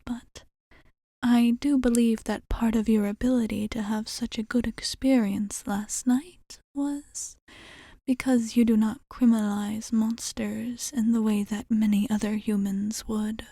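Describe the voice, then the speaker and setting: This intimate ASMR piece features a woman as an age-old female vampire behind the bar, her voice fairly high, mellow, breathy, and soft, often sinking into a whisper. Composed and attentive, she speaks very slowly with fairly even intonation, formal measured phrasing, and thoughtful pauses, sounding thoughtful and reassuring. It's recorded close and dry, without room sound.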